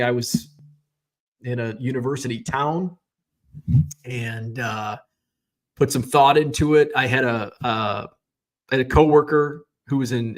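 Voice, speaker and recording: A man in his thirties, a sports card seller, telling a casual personal story in a rambling, self-correcting way with the odd chuckle. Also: medium pitch. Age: 30s.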